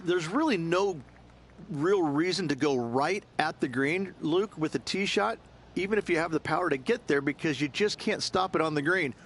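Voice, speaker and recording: A man's voice: on the high side, moderate pace, fairly bright tone, slight background noise. A man working as a golf analyst, giving commentary that explains the course and the shots.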